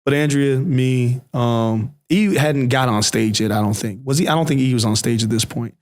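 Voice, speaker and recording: A man co-hosting a podcast, telling a story in an animated, casual way and swearing freely. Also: medium pitch, moderate pace. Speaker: podcast co-host. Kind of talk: casual chat.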